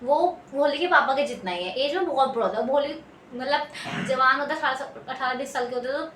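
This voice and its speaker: A woman's voice: sits high, brisk, a bit bright. A woman tutor casually retelling a textbook story, rambling with many fillers and restarts. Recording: echoey room, distant mic, faint noise.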